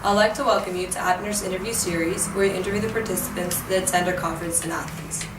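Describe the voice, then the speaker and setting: A woman's voice: lowish voice, steady tone, fast talker, over music. A woman interviewing a conference guest for an academic institute, asking friendly, brief questions. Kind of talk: conversational interview. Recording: roomy and distant, with background noise.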